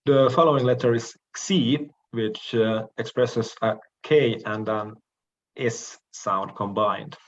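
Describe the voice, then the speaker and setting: A man giving a recorded lecture, explaining each letter in a measured way with frequent pauses and the odd throat clearing. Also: mid-range voice, muffled recording.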